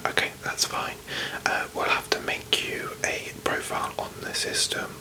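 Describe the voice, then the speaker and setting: A British performer in a whispered role-play, voicing a strict, officious, slightly condescending librarian in a hushed library whisper. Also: normal speed, lightly acted, rough recording. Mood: officious, brisk.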